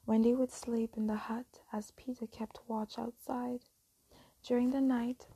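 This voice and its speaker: A woman telling a fairy tale as a soft, slow, whispered bedtime story reading. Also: fairly high pitch, creaky, breathy edge, no echo, rough recording.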